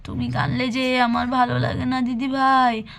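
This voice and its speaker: A woman voicing a frail elderly grandmother sick with fever, talking weakly and slowly with sighs. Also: high voice, flat delivery, fairly bright tone. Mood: tender. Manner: weak, slow, sighing.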